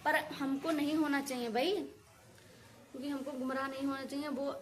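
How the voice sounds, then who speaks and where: A woman who makes reaction videos rants casually to her viewers, indignant and scolding, venting in repetitive colloquial phrases. Her voice sits high, with fairly even intonation and a normal speed.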